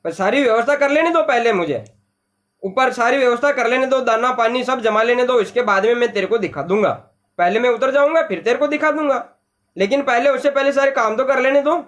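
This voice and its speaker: A man's voice: extremely high pitch, a little fast, a bit bright. A man teaching a lesson, retelling a story and explaining it with lots of repetition. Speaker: Hindi teacher.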